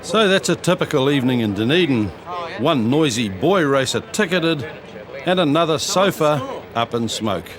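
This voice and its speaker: A man's voice: mid-range voice, expressive, moderate pace, crowd noise. A man reading a wry scripted documentary narration.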